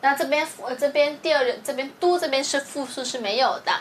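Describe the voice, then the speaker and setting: High-voiced woman teaching a language lesson. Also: a little hiss or hum. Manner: explains slowly, checks with "对不对". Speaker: Portuguese teacher. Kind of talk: recorded language lesson review.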